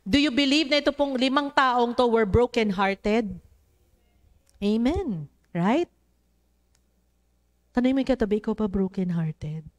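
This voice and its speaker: A woman's voice: a little high, expressive, unhurried, pauses often. A woman preaching a sermon to a congregation, mixing English into her talk and acting out the voices of children in her stories. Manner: mixes English into Tagalog, addresses the congregation.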